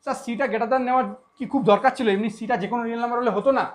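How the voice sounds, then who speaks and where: A woman's voice: a little high, steady tone, very fast, natural voice. A woman voicing a curious student who politely questions the teacher. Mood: puzzled.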